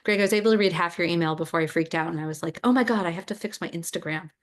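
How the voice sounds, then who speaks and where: A woman chatting casually on a video call, talkative and quick with asides. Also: fairly low pitch. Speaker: art group participant.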